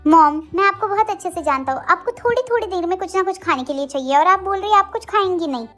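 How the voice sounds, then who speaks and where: A woman voicing a calm, dry-witted young single father in a Hindi fan audio story, using a lower put-on voice. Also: fast, faint music behind.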